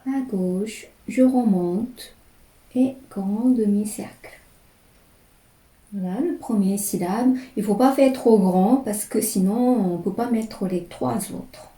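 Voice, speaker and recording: Woman slowly walking thru brush strokes, soft mellow voice, echoey room. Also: medium pitch. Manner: slow, calm, describing each stroke as she writes. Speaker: calligraphy teacher. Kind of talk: step-by-step brush lesson.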